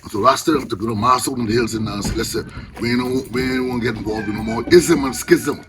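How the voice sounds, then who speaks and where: A man's voice: medium pitch, fast talker, music in the background. An older man from the Bahamas with a Caribbean accent, reasoning informally and with passion in Rasta speech with patois phrasing. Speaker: Rastafarian elder.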